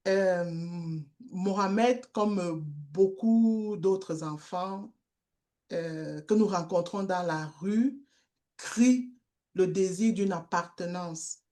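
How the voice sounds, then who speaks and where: A middle-aged woman giving a testimony, telling a story in a slow, halting way with repeated words. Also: medium pitch, darkish tone. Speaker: guest speaker, street-children worker.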